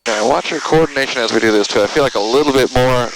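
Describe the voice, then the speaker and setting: A man working as a flight instructor, giving calm, encouraging instructions in short directions over a cockpit intercom. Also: medium pitch, racing, creaky, low-quality recording. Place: inside a small airplane in flight. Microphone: aviation headset intercom. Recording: loud engine noise, small plane cockpit.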